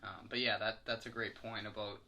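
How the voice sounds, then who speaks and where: A man's voice: on the low side, flat delivery, fairly quick, bright, forceful tone. A young man co-hosting a podcast, chatting casually in a rambling, hesitant way with lots of fillers. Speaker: podcast co-host. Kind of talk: casual chat.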